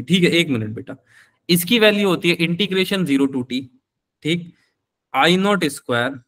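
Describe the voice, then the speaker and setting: A man's voice: a little high, fairly bright tone. Chatty male physics teacher. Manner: chatty, calls students beta, answers their questions. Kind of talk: live online class.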